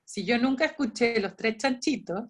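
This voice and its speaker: A woman's voice: fairly high pitch, expressive, moderate pace. A woman, a librarian running an online training session for volunteer storytellers, explaining in a chatty way with many restarts and quoted dialogue.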